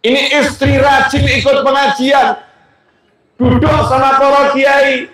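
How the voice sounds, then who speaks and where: Male preacher, high voice, slow teasing delivery, very echoey hall. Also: little pitch movement, fairly bright tone, slight background noise. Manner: asks the audience questions, teasing. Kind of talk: sermon.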